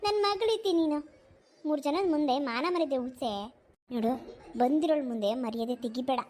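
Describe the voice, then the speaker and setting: A woman's voice: sits high, a little fast, darkish tone, soft background music, pitched below the performer's own voice, lightly acted. A woman voicing an anxious village mother who coaxes her daughter in a cartoon. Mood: coaxing. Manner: coaxing, scolding. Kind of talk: cartoon voice acting.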